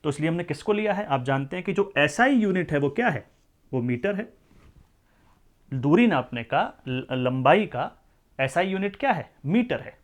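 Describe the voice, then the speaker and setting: A man's voice: a little high, sing-song, moderate pace. A male maths teacher giving a lecture, who explains step by step, mixes in English number words and keeps asking the class whether they follow. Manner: explains step by step, often asks the class questions.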